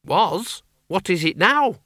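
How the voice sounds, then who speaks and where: A man voicing an anxious, bossy older farm woman, high-pitched and sharp. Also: big pitch swings, takes it slowly, no room sound, studio quality, exaggerated voice. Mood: insistent.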